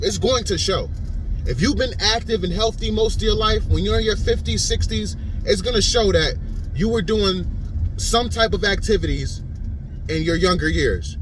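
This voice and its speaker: A man's voice: sits high, background noise. Casual man in his thirties vlogging outdoors. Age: 30s. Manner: informal, repetitive, addresses viewers as "man". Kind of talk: casual talking-head vlog.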